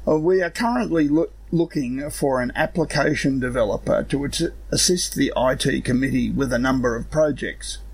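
A man reads a scripted announcement in a gravelly, rough voice. He sounds hoarse and husky, still recovering from illness, at a middling pitch. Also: low-quality recording. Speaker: organisation secretary and director. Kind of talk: scripted news announcement read aloud.

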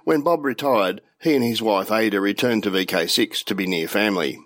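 A man's voice: on the low side, brisk, fairly bright tone, no echo, studio quality. An Australian man in his sixties with a stuffy, nasal cold voice, reading a club news report. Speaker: radio club official giving a news report. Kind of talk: read news commentary.

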